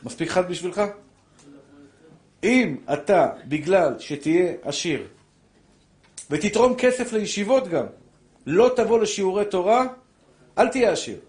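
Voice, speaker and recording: Older rabbi guy preaching to his class, kinda high voice, gets fired up. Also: long pauses. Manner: animated preaching, addresses listeners as brothers. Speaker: rabbi giving a Torah class. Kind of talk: sermon.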